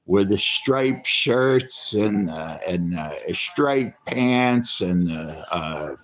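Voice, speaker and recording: Fifties male, low and unhurried, casual reminiscing monologue, halting delivery full of restarts. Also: expressive, a bit bright, a little hiss or hum. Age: 50s. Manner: rambling, halting, many fillers and restarts.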